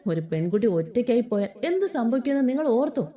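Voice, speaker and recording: A woman voicing a wounded, defiant young wife who speaks with sharp scorn. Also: a little high, sing-song, a little fast. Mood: angry.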